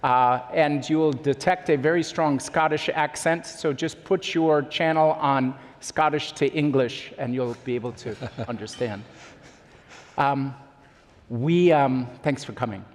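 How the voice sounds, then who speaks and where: A man moderating an informal on-stage chat, friendly and halting as he introduces his guest. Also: medium pitch. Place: conference hall during a meal, microphone. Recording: reverberant hall.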